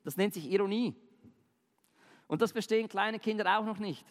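A man's voice: high-pitched, moderate pace, big-room sound. A man explaining language and communication in a conversational way, talking straight to the viewer and asking questions. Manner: conversational, addresses viewer directly, asks questions. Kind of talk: explanatory video talk addressing the viewer.

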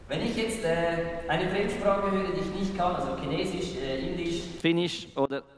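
A man with a high-pitched voice explains language and communication in a conversational explanatory video, speaking directly to the viewer and asking questions. He sounds like he's in a large hall, with a faint hiss or hum.

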